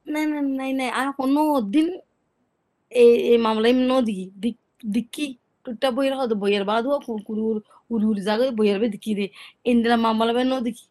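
A woman's voice: fairly high pitch, fairly even intonation, fairly quick, a little mellow. A woman who is a native Rohingya speaker, giving a conversational first-hand account and often repeating words. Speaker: interviewee recounting an eyewitness experience.

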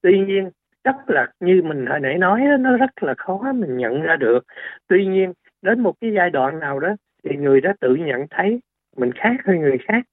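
A man's voice: sits high, big pitch swings, moderate pace, no echo. A man, a doctor explaining things on a radio interview, hesitant with many fillers and restarts. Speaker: doctor guest. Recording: tinny phone-like radio line.

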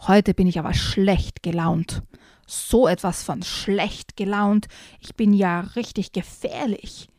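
A woman voicing a grumpy, rude male badger in a children's storybook reading, slow and snappish. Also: mid-range voice, a little mellow, no echo, clean studio sound. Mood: grumbling.

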